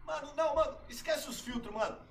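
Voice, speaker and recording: An excitable, enthusiastic man chatting casually, full of slang. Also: extremely high pitch, quick pace, echoey room, slight background noise. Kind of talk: casual chat.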